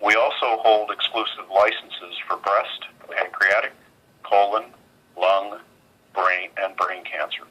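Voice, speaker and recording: A man presenting a scripted business update to investors on a phone conference call, formal and measured. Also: fairly low pitch, steady tone, pushed and bright, slightly rough, low-quality recording. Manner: formal, measured phrase-by-phrase reading. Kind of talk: scripted earnings call presentation, read aloud. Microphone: telephone conference call.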